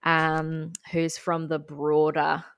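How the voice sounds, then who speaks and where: A woman's voice: low-pitched, completely flat delivery, slow, gravelly, clear, resonant tone, no room sound. An Australian woman co-hosting a podcast, telling a story in a chatty, giggly way. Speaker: podcast co-host. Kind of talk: casual chat.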